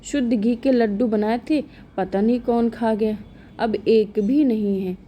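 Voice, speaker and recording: A woman voicing a strict, sharp-tongued middle-aged mother-in-law in a storybook tale, scolding and raising her voice. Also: a little high, steady tone, measured pace, slight background noise, close to an everyday voice. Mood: upset.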